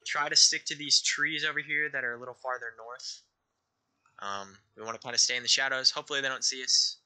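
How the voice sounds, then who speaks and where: A man with a very bright, sharp voice leads his squad through a multiplayer game, calling out directions and bearings. He talks casually and corrects himself on the fly. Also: mid-range voice, fairly even intonation, fairly quick. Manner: giving directions, self-correcting. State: hiccups. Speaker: squad leader. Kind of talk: casual game chat over voice comms.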